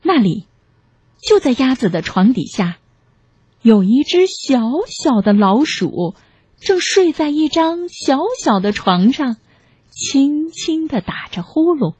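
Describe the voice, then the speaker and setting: A woman reading a picture-book story aloud for children in a gentle, animated way. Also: sits high, takes it slowly, slightly rough, muffled recording.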